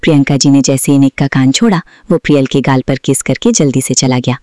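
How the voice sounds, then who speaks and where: Low, dark-voiced woman storyteller. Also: a little fast, dry recording, studio quality. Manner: steady, even storytelling. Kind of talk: scripted story narration.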